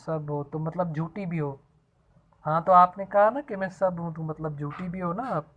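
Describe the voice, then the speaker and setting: A woman's voice: fairly low pitch, moderate pace, muffled recording. A woman questioning a little girl in a persistent, teasing way in a casual family video. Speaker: parent questioning a child.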